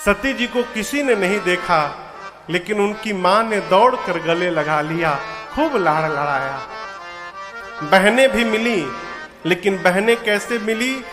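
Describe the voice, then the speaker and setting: A man's voice: high-pitched, lively intonation, slow, long reverb tail, music in the background. A man telling a devotional story as a sermon, with light humor and short sung verses. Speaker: kathavachak preacher. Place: large pavilion tent.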